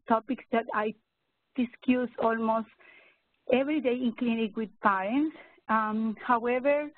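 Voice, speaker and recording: A woman in her fifties, a neurologist giving an educational webinar talk, speaking slowly and hesitantly with many fillers and restarts. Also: on the high side, no echo. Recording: narrow phone-like webinar audio, dry.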